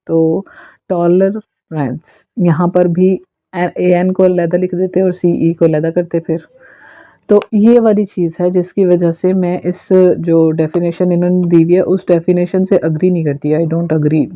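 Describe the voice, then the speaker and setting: A woman teacher explains a lesson step by step, pausing often on fillers. Her voice stays flat and even. The recording is dull and dry, as if made on a phone. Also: lowish voice, no room sound. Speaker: English teacher. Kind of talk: online class explanation.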